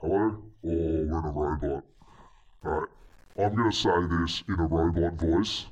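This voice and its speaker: Super low slow robot, flat deadpan. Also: male voice. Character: deep slow robot voice from an app. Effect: robot voice filter.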